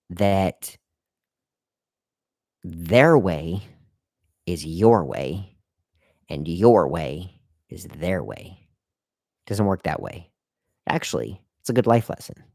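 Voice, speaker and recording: His voice sits low and dark, expressive but slow, with vocal fry and long pauses. Hosting a live stream, he rambles through repetitive career advice and talks right to the chat, hiccuping and burping at times. The studio-quality recording has no room sound.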